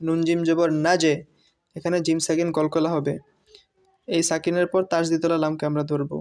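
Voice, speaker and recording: Recitation teacher, mid-pitched and flat in tone, who explains patiently and draws each recited word out long. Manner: explains rules, then recites words slowly with long drawn vowels. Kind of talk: step-by-step recitation lesson.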